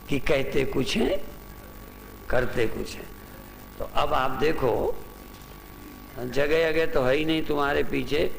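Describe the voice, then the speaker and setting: A spiritual teacher giving a talk to a gathered group, then leading them through a breathing exercise with repeated short instructions. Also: male voice, medium pitch, vocal fry. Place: large hall with a gathered audience. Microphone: loudspeaker microphone. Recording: long reverb in a hall, faint noise.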